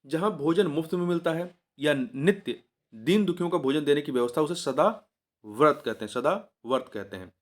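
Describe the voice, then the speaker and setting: Male teacher, slightly high, repeating answers. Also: moderate pace. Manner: repeats each answer, coaxing; corrects himself mid-sentence. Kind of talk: exam revision lesson.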